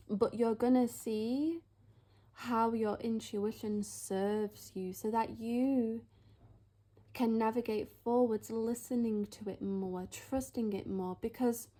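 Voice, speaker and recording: A woman giving a spiritual tarot reading, earnest and reassuring, often halting and searching for words with sighs between phrases. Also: medium pitch, dark tone. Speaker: tarot reader.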